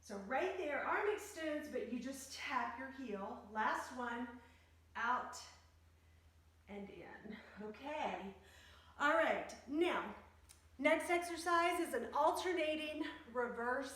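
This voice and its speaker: A woman's voice: sits high, lively intonation, takes it slowly, fairly bright tone. A woman fitness instructor leading an exercise class, giving step-by-step cues and counting reps in short phrases. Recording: very echoey room, distant microphone.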